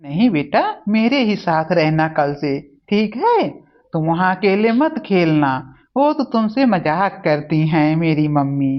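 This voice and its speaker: A woman's voice: fairly low pitch, animated, unhurried. A woman voicing a kind young husband in a family cartoon, speaking soothingly. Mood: calm. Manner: soothing, reassuring. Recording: dull lo-fi audio.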